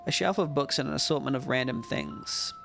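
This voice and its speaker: A man's voice: medium pitch, fairly quick, vocal fry, pushed and bright, soft background music. A man casually commenting as he plays and judges a game on a live stream, sleepy and wry. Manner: wry, chatty asides. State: sleepy, yawning. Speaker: streamer judging a game jam.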